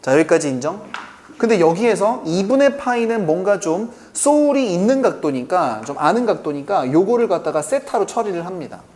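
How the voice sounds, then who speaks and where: Lively male math teacher, quizzing students. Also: high voice. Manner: keeps checking in with quick rhetorical questions to students; answers his own questions aloud. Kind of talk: classroom math lecture.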